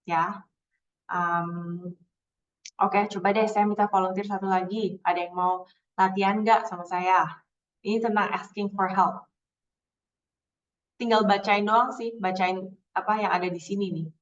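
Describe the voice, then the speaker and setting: A woman teaching an English class in Indonesian, slowing down to model English phrases. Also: mid-range voice, steady tone, far from the mic, lo-fi sound.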